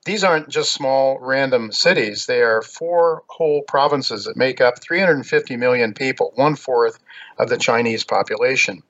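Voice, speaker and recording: An American man hosts a talk radio monologue on a dull, lo-fi line. He reads in a measured but halting way, often stopping and restarting phrases. His pitch sits in an ordinary male range. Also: a bit bright. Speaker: radio show host. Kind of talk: radio monologue, reading out news on markets.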